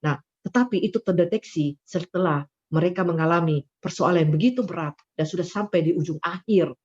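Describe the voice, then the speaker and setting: Woman preacher, animated and expressive, heard through muffled video call audio. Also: a little fast, breathy edge. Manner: animated, acts out quoted people in high voices. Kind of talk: sermon over a video call.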